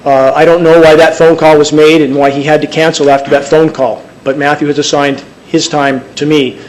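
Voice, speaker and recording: A man's voice: fairly high pitch, little pitch movement, brisk, slight background noise, low-quality recording. A man testifying at a crowded public hearing, insistent and emphatic, stumbling into restarts as he presses his point. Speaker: public speaker. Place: crowded public meeting room.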